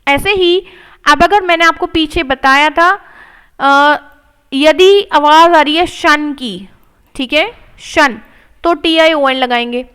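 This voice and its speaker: Drilling English reading words slowly one at a time, a woman explains them in Hindi blended with English. Her high-pitched voice sounds pushed and bright, and the recording is rough.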